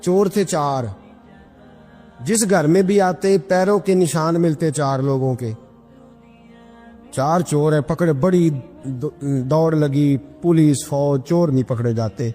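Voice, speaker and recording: A male preacher telling religious stories in a sermon, acting out the people in them with big swings of voice. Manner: animated storytelling, acting out quoted speakers with big pitch swings. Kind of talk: Islamic sermon storytelling. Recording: echoey hall with background music.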